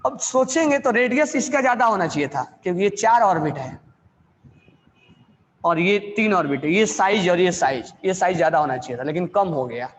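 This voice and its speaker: A male chemistry teacher giving a classroom lecture, asking questions and answering them himself, repeating key phrases slowly. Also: high voice, lively intonation, in a large hall. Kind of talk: classroom lecture in Hindi mixed with English.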